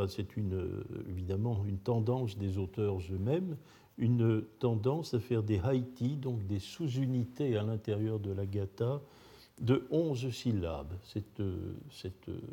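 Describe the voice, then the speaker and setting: A man's voice: mid-range voice, warm tone, slightly rough. Hesitant older man giving a lecture. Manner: hesitant, many filler sounds. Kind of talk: academic lecture.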